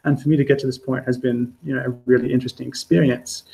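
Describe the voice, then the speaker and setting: A freelance journalist from Adelaide, Australia, gives an informal talk to an online audience, live-streaming from home or a studio on a streaming setup. His medium-pitched, gravelly voice moves fast, yet his delivery is flat and hesitant, candid and full of fillers and restarts.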